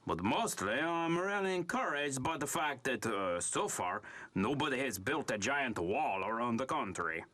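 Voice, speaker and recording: A man voicing a calm, friendly male alien who plans to enslave humankind, talking in a casual, matter-of-fact way. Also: mid-range voice, normal speed. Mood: breezy. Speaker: panel guest.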